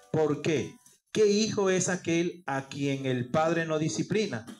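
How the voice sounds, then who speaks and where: A male pastor preaching a sermon, asking rhetorical questions and answering them himself. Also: a little high. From Peru. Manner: rhetorical questions answered aloud, acts out quoted voices.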